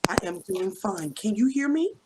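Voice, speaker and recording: A woman's voice: medium pitch, very animated, normal speed, heavy background noise. A woman from the United States tutoring English over a video call, encouraging and asking simple questions with frequent mm-hmms. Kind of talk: video call conversation lesson.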